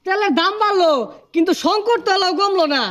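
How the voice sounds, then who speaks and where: An actress playing an indignant bystander scolding a hoarder. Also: female voice, extremely high pitch, steady tone, fast talker. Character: scolding outspoken woman bystander. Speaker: indignant bystander in a comedy skit. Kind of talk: comic sketch acting.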